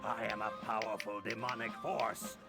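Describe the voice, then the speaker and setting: A man's voice: lowish voice, level tone, moderate pace. A man voicing a pompous, blustering male demon skull in a studio game, his voice heard in the left channel only. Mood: grandiose. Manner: grandiose villain boasts, then meek. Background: loud game music.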